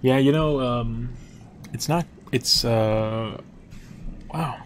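A young man commentating a game casually, thinking aloud and dropping to hushed tones when nervous. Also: medium pitch, extremely slow, slight background noise. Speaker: gameplay commentator. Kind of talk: casual let's-play commentary.

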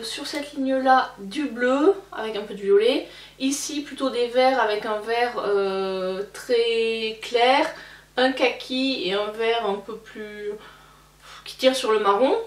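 A woman's voice: a little high, echoey room, distant mic. A woman casually chatting through a makeup haul, hesitant and full of fillers. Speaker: beauty vlogger.

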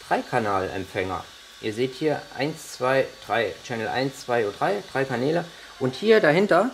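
A man's voice: mid-range voice, slight background noise, rough recording. A man giving a hands-on tutorial on a model truck, explaining each step while he handles the parts, with frequent hesitations. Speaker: RC model reviewer.

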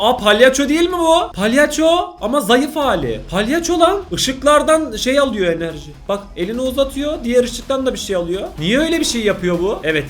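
A young man reacting to scary videos, jumpy and swearing, pleading out loud with what he sees on screen. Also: high voice. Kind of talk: casual reaction commentary.

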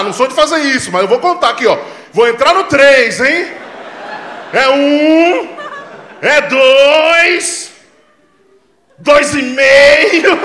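Brazilian guy doing stand-up, high voice, loud and animated, roomy club sound. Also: slight background noise. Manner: loud, animated storytelling with acted-out dialogue and swearing. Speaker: stand-up comedian. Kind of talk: stand-up comedy set. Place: comedy club stage with live audience. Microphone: handheld stage mic.

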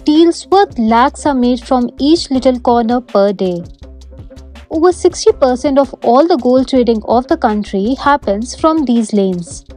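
A young woman with an Indian English accent reports from a busy outdoor street market, presenting and narrating a travel vlog. Her high voice has lively intonation and a dark tone, unhurried, with soft background music.

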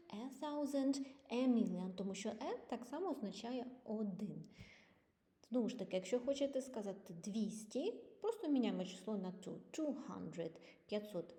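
A woman's voice: mid-range voice, warm tone. Patient woman teaching, roomy reverb. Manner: patient, clear, slow model pronunciation of English words. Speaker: English teacher. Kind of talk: online language lesson. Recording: long reverb.

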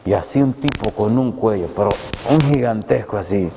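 A male preacher telling a sermon story in an animated, vivid way. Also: lowish voice, normal speed, vocal fry. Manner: animated and vivid, acting out scenes. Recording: echoey hall, faint noise.

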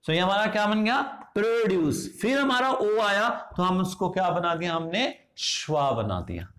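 Indian man teaching slowly, step by step. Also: high voice, expressive, a bit bright. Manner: slow, deliberate, asks and answers his own questions. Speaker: English phonetics teacher. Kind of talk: classroom-style lesson explanation.

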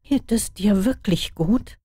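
A woman's voice: mid-range voice, slow pace, warm tone, slightly rough, no room sound, clean studio sound. A woman reading the lines of a caring young male wizard, his partner's concerned companion.

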